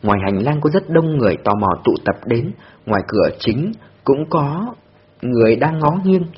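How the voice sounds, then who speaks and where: A man narrating an audiobook with expressive storytelling. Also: mid-range voice, normal speed, slightly rough. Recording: dull lo-fi recording.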